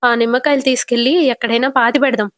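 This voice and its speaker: A cowardly grown son whines and wheedles, voiced by a woman retelling a soap. The voice sits a little high and dry, drawn out slowly. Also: flat delivery, fairly bright tone, no room sound, natural voice. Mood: whiny.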